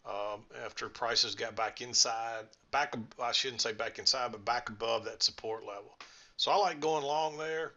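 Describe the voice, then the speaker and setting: On a lo-fi recording, a man with a mid-range, pushed and bright voice walks through trading charts over screen share at a moderate pace. He's a trading instructor, slightly scratchy-voiced, rambling folksily while thinking aloud.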